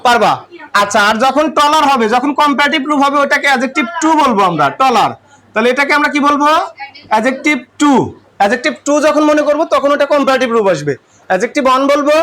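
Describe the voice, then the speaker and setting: A man's voice: very high voice, pushed and bright, slight background noise. A man with a Bangladeshi accent teaching English grammar to a class, asking questions and repeating the answers.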